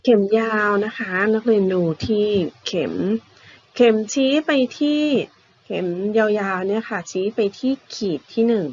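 A woman's voice: mid-range voice, measured pace, darkish tone, highs cut off, a little hiss or hum. A woman teacher giving a patient, repetitive math lesson to young primary school pupils, often ending her phrases with polite particles.

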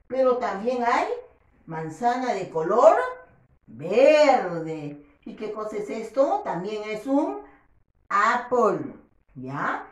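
A woman teaching a children's English lesson, patient and coaxing, who slowly repeats words for the class and keeps checking that they follow. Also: medium pitch. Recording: roomy echo.

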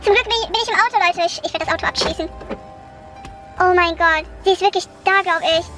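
A young woman vlogging to camera in a car and outdoors at night, anxious and often addressing her viewers, with her voice sped up and squeaky. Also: fast talker, sharp tone. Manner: anxious, keeps calling the viewers "Leute". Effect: sped up, squeaky high pitch. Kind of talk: horror challenge vlog to camera. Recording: background music under the voice.

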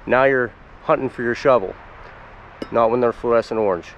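Medium-pitched and moderately paced, the voice belongs to a man in his forties from Pennsylvania who runs a foraging channel. He kneels in the woods on a spring day, casually telling the camera about his gear in a relaxed, chatty way full of plain explanations and fillers. The sound is lo-fi with a little hiss or hum.

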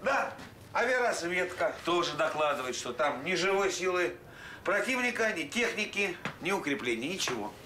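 Bright-voiced senior army officer. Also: male voice, high voice, sing-song, moderate pace, full character voice. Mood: intent. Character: brisk senior staff officer briefing scouts. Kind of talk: war drama acting. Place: wooden room indoors. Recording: roomy, faintly noisy film dialogue.

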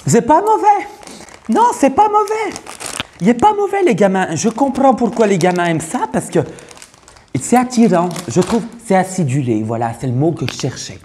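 A man's voice: sits high, expressive, moderate pace, darkish tone, a little hiss or hum. A man playing a brash, crude female farmer with a Burgundian accent in a comic sketch. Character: brash middle-aged female farmer from the countryside. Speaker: taste-tester.

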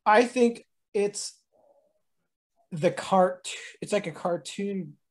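A man co-hosting a casual whiskey chat, easygoing and quick to agree. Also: high-pitched. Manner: easygoing, short agreeing replies. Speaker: podcast co-host.

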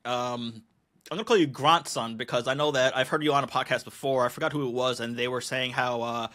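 A man's voice: mid-range voice, fairly even intonation, fairly quick, pushed and bright. An American man hosting an interview podcast, chatty and a little rambling as he sets up his questions. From United States. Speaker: podcast host. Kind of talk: conversational interview.

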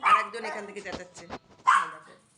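A woman's voice: mid-range voice, fairly even intonation, fast, heavy background noise. A woman vlogging casually around her home and yard, coaxing and chatty, often repeating herself. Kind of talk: casual vlog narration. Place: home and yard with wood stove.

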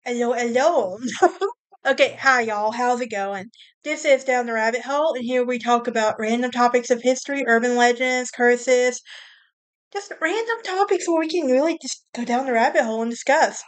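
A woman's voice: fairly high pitch, moderate pace. A woman hosting a casual history podcast, chatty, tripping over names and laughing at herself. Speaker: podcast host.

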